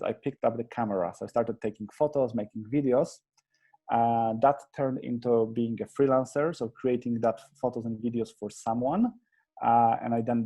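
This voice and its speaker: Here an agency founder from Poland, a man in his thirties, is being interviewed about his career, speaking with a Polish accent. He has a warm, medium-pitched voice, and his earnest delivery is hesitant and full of restarts. The sound is lo-fi.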